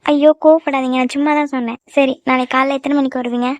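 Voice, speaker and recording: A woman's voice: high-pitched, fairly even intonation, fast talker, a little mellow, no echo, close to an everyday voice. A woman voicing a young college girl in love in a cartoon, pleading and teary with her sweetheart. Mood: shy affectionate. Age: young adult. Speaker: voice actor. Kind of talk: cartoon love-story dialogue. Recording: dull lo-fi dry recording.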